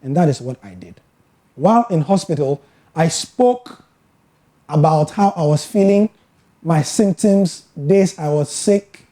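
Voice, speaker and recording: A Ghanaian sports broadcaster giving a scripted educational talk, telling his story in a measured, earnest way with emphatic pauses. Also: on the high side, expressive, mellow. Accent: Ghanaian English.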